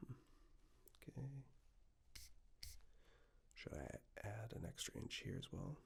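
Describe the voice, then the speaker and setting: A male ASMR performer portrays a courteous tailor measuring a client for a suit, speaking softly and breathily, half-whispering in a low voice with big pitch swings. He takes his time, pausing between murmured instructions in this personal-attention roleplay.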